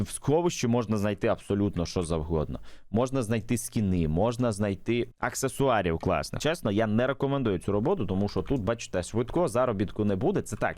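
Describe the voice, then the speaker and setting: A man with a lowish voice gives casual running commentary over his mobile gameplay, chatty and thinking aloud to his viewers. His pitch swings a lot as he reacts to the game, and the sound is dry and close, with no room echo. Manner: chatty, animated, thinks aloud while playing.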